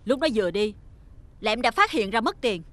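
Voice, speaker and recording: A shrill, scolding rich mother. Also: sing-song, brisk, fairly bright tone. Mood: accusing. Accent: Southern Vietnamese. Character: wealthy mother, doting to her son, harsh to his friend. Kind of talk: TV drama acting.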